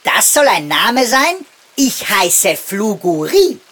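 Tiny boastful lightning creature, thousands of years old, high and bouncy. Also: male voice, big pitch swings, bright, forceful tone, exaggerated voice. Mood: cheeky. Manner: squeaky, boastful, quick to take offense. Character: tiny cheeky lightning sprite, ancient, touchy.

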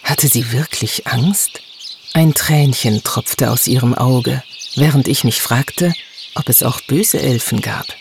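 A man narrating a children's audiobook in an expressive storytelling voice. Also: takes it slowly, creaky, background noise. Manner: expressive storytelling with lively pitch.

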